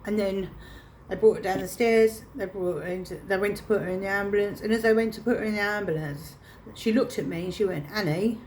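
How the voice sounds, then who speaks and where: A woman telling a painful personal story to camera, halting and restarting her phrases as she holds back emotion. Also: mid-range voice, darkish tone, slight background noise. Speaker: vlogger.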